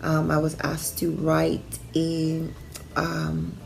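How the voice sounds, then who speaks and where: Warm, gravelly-voiced woman telling her life story. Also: low voice, slow pace, a little hiss or hum. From Haiti. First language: Haitian Creole or French. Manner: relaxed storytelling with fillers and restarts. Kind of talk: personal bio monologue.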